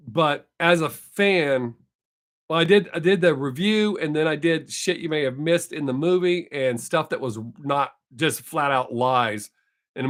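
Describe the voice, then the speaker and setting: An older man chats casually with viewers on his live stream in a slightly high, somewhat bright voice that hasn't fully recovered yet. He rambles and corrects himself as he goes.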